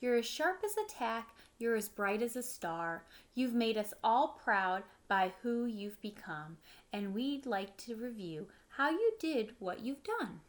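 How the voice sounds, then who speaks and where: Reading a picture book to children in her living room, a woman in her thirties sounds very animated, her voice a little high and her pace a little slow. She handles it like a teacher, expressive and ready with short, simple explanations.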